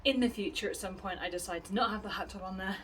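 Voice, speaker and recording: A woman's voice: mid-range voice, quick pace, fairly bright tone, slight background noise, low-quality recording. A woman chatting practically through a DIY vlog as she works on her garden deck, with self-deprecating asides. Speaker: DIY vlogger. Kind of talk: casual vlog narration while working.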